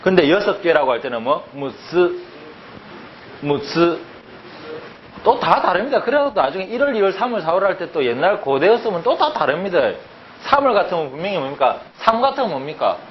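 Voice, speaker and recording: A man teaching a language class, lively and drilling words by repeating them with rhetorical questions. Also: high-pitched, brisk. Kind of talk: classroom lecture. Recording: dull lo-fi sound, faint background noise.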